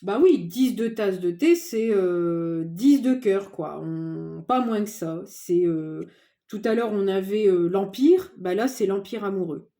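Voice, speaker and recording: A woman giving a casual tarot reading to viewers, chatty and informal, often pausing with fillers. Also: medium pitch, lively intonation, mellow. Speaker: tarot card reader.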